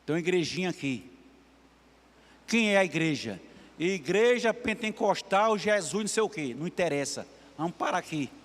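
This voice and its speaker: A man's voice: high-pitched, moderate pace. A man, a pastor preaching a sermon and telling a story, acting out the dialogue. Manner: animated, acts out dialogue in his stories. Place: church sanctuary. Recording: long church-hall reverb.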